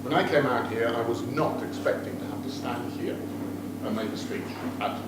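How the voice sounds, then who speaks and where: A middle-aged man from the United Kingdom speaks at medium pitch and moderate pace, toasting as father of the groom. He jokes, teases and makes playful asides to the wedding guests, heard from afar in a very echoey, noisy reception room.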